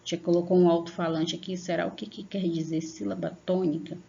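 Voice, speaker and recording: A woman teaching young children from home, her lowish voice carrying a gravelly edge. She stretches out the key words slowly and checks in with her class after every step. The recording is dull and lo-fi, with faint noise behind her. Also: level tone, dark tone. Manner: patient, slow and drawn-out on example words, frequent "tá?" check-ins. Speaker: primary school teacher. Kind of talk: online lesson for young children.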